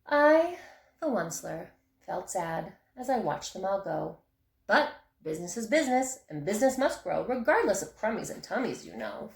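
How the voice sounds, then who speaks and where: A woman teacher reads a rhyming picture book aloud with lively, rhythmic expression. Her voice has a gravelly edge. The room is echoey. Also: medium pitch, normal speed, slight background noise.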